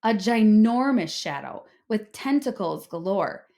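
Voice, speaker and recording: A woman reading a children's story aloud as an expressive narrator. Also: medium pitch, measured pace, creaky.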